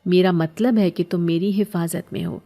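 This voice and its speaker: A possessive male jinn, cold and commanding, low and menacing in a horror storybook, as a woman puts him on. The tone is dark and mellow and does not rise much above her own range. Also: fairly even intonation, soft background music. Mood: calm. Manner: low, menacing, roaring when angry.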